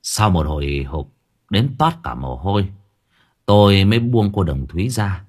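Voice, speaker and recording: A man narrating a story in a lively, wry storytelling manner. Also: sits low, a little slow, breathy edge. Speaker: audiobook narrator.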